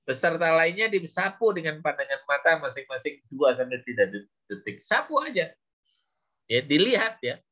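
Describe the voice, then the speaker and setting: A man lecturing on public speaking, with many short fillers and a measured, explaining manner. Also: a little high, big pitch swings, bright, forceful tone. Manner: slow, with frequent "ya" and "gitu ya" fillers. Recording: dull lo-fi recording.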